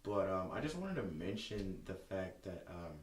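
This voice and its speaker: A man's voice: low voice, very animated, normal speed. A man co-hosting a casual sports podcast, rambling with lots of fillers as he reads stats aloud. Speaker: podcast co-host. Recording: echoey room, distant from mic.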